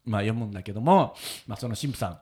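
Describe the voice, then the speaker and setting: Lively man telling a moving story. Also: lowish voice, fast talker, breathy edge. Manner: moved storytelling, often laughing. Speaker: radio show host and wedding photographer. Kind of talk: casual radio chat.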